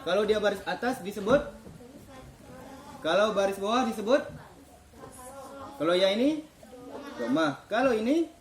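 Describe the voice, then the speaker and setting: A man teaching children to read the Quran in a classroom, patiently quizzing them and praising their answers. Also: high-pitched. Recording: echoey classroom.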